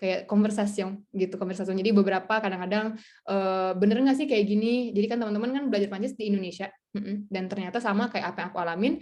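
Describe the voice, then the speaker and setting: A young adult woman speaking as a guest tutor in a casual webinar talk over a video call, chatty and animated, laughing often and acting out other people's replies. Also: mid-range voice. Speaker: guest speaker, French tutor and content creator.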